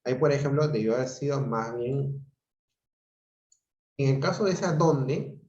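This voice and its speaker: A man's voice: mid-range voice, unhurried, a little mellow. A male teacher giving an online grammar class, explaining step by step and checking in with his students often. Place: home room on a video call. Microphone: video call microphone. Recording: roomy, dull video call audio.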